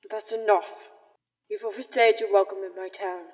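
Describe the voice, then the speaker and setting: A woman voicing a stern armored male bounty hunter, his voice metallic as it comes through a helmet, calm and commanding. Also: mid-range voice, moderate pace, in a large hall.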